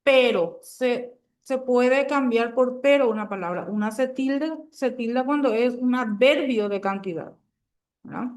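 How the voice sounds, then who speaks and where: Woman teacher explaining grammar, high voice, slow and patient, keeps asking if everyone follows. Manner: patient, checks understanding with repeated "¿verdad?". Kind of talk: classroom grammar lesson.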